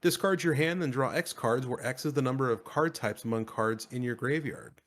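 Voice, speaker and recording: A man with an average-pitched voice co-hosts a card game stream. He switches between reading cards aloud and casual chat, keeping it enthusiastic and full of informal slang. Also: a little fast, fairly bright tone.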